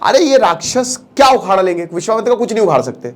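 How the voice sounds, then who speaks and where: A man retelling a scripture story live and drawing lessons from it, in an animated way that speaks straight to the listeners. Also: high voice, fast talker. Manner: animated, addresses listeners directly. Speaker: storyteller and teacher.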